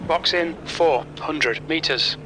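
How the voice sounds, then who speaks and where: A racing game's crew chief barks terse pit radio calls, voiced by a man in a slightly raised, clipped, matter-of-fact tone. Each short call cuts through a steady roar of car noise. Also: on the high side, slow. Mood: calm.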